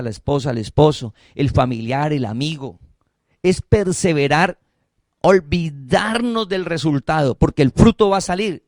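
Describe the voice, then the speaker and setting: A male pastor delivers a sermon with emphatic conviction. His voice sits somewhat high for a man, and the sound is dry and close. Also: no echo. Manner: emphatic preaching that acts out listeners' excuses; addresses congregation as family.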